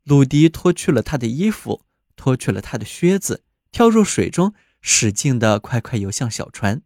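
A man reading a fairy tale aloud with an expressive, descriptive delivery. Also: mid-range voice, normal speed, no room sound, studio quality. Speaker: storyteller.

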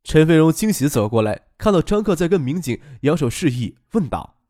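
Guy reading a web novel out loud, lively up-and-down voice, dry close sound. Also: fairly high pitch, brisk, no room sound. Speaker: audiobook narrator. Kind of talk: serialized novel narration.

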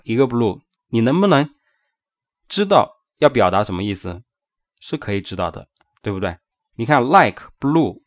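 Male English teacher, patient and repetitive, rhetorical questions, pitch rising and falling a lot, dry close sound. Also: dry recording. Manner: patient, repeats words and asks rhetorical questions; trails off quietly at the end of phrases. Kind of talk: explaining English sentence stress in Mandarin.

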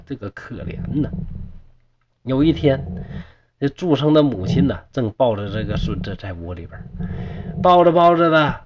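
A man telling a classical ghost story in a chatty, colloquial way with asides to the listener. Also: mid-range voice. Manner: colloquial, chatty asides, lively swings in loudness. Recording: slightly dull, muffled recording.

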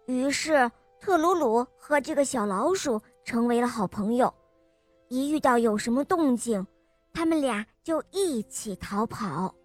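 Gentle woman reading a children's story. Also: on the high side, a little slow, dry recording, soft background music. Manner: gentle, expressive, addresses kids directly.

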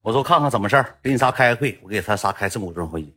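A man's voice: on the low side, expressive, racing, fairly bright tone. A young man with a Northeastern Mandarin accent telling stories in a blunt, chatty way on a livestream. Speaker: livestream storyteller. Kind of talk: casual storytelling livestream.

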